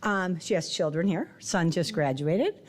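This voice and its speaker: A woman's voice: lowish voice, expressive, measured pace. A woman principal introducing new teachers at a school board meeting, upbeat, with many fillers and small laughs.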